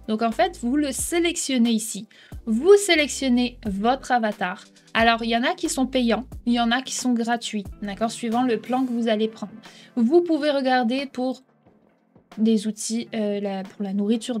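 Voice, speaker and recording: A woman hosting a casual software tutorial, explaining step by step and checking in with the viewer often. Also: on the high side. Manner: chatty, explains step by step, keeps asking "d'accord?". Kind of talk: casual screen-recording tutorial.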